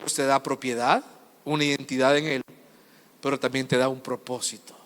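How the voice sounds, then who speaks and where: A man preaching a sermon with passion, moving between hushed asides and loud, emphatic lists. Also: medium pitch, little pitch movement, normal speed, in a large hall. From El Salvador.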